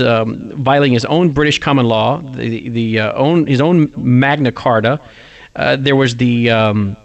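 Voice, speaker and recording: A man hosting a commentary talk show, emphatic and argumentative as he rebuts a recorded clip. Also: mid-range voice.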